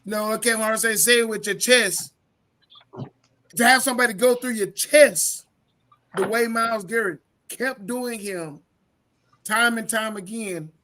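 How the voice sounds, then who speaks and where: High-pitched ranting sports podcaster man. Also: measured pace, pauses often, pushed and bright. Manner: ranting, profane, stammering restarts. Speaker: podcast co-host. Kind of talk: heated sports talk.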